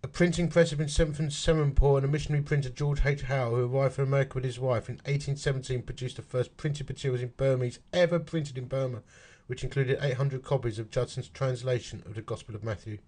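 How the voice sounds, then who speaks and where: A man with an Essex accent reads out a history article quickly and with few pauses, his mid-range voice darkish and fairly even in intonation. He adds chatty asides and works dates and figures out aloud as he goes.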